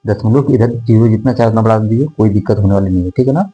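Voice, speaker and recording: Slow, mellow-voiced math teacher. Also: male voice, on the low side, breathy edge, highs cut off, faint music behind. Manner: repetitive, checks in with "theek hai" constantly; dictates numbers slowly digit by digit. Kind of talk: classroom math lesson. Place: classroom with whiteboard.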